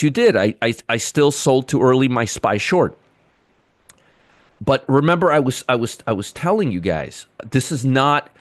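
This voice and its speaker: A man's voice: mid-range voice, no room sound. A middle-aged man hosting a live trading show, giving market commentary and answering chat viewers by name, often repeating himself.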